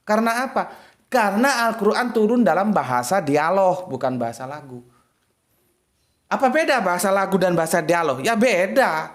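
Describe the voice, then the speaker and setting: A man with a fairly high voice teaches his viewers in a relaxed, conversational way. He is chatty and emphatic. His pitch leaps up and down to drive his points home. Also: normal speed. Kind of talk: casual spoken lesson.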